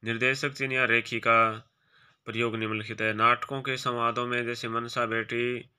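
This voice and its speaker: In an exam-prep grammar lesson, a man reads each quiz option aloud and then briefly marks it right or wrong in quieter, lower asides. His delivery is smooth, level in tone, and moderately paced.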